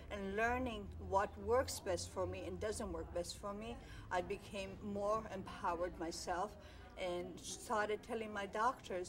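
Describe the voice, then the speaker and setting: A woman's voice: mid-range voice, low-quality recording. Earnest older woman from Croatia. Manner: earnest, with frequent pauses and fillers. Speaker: mental health advocate. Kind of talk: speaking to camera in a filmed interview. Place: studio with blue backdrop.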